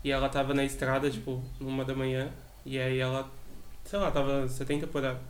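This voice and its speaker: A man telling a story in casual chat, animated and repeating words for effect. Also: mid-range voice, fairly quick. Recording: echoey room.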